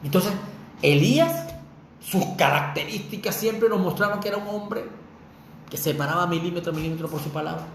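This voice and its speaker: A man's voice: high voice, brisk. A man preaching a sermon fervently, putting rhetorical questions straight to his listeners. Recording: echoey room with faint noise.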